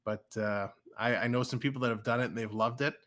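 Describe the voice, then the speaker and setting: He talks quickly in a mid-range, fairly bright voice with fairly even intonation. A man from the Toronto area with a Canadian accent, he runs a livestream of casual play-by-play, chatting with viewers, reading their messages aloud and laughing readily.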